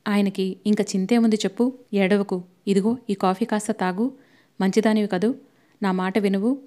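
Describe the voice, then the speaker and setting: A woman's voice: medium pitch, fairly even intonation, normal speed, lightly acted. A woman reading as a tender consoling husband. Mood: coaxing. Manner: gentle, coaxing. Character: tender young husband consoling his grieving wife.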